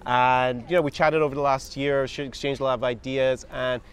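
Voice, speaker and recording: A man's voice: medium pitch, level tone, a little fast, clear, resonant tone. A man hosting a video podcast, introducing his guest in an upbeat, eager way. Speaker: podcast host. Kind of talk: casual interview introduction.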